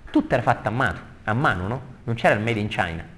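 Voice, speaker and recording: A man giving a lively lecture on poetry to a live audience, reading verses slowly and with emphasis. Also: mid-range voice, a little hiss or hum. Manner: enthusiastic, repeats praise, reads verses slowly and emphatically.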